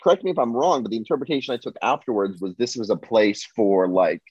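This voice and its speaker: A man's voice: on the low side, fast, a little mellow, husky, no room sound, highs cut off. A man co-hosting a casual film discussion podcast, rambling with many fillers and restarts. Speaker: podcast co-host.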